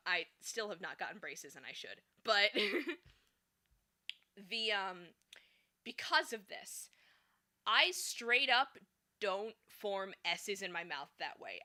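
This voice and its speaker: A woman with a bright, forceful, mid-range voice chats casually on a live stream. She rambles with lots of fillers, giggles often, and now and then slips into a slight lisp.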